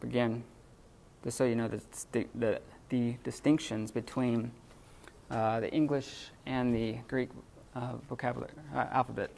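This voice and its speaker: A man teaching a classroom lesson off the cuff, halting with many fillers and restarts. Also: medium pitch, flat delivery, vocal fry, darkish tone, slight background noise. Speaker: Greek teacher.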